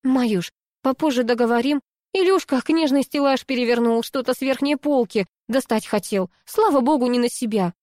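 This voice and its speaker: Woman doing anxious mom on the phone, asks question after question, higher voice. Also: normal speed, a little mellow, no echo, clean studio sound, lightly acted. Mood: fretting. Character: worried caring middle-aged mother on phone.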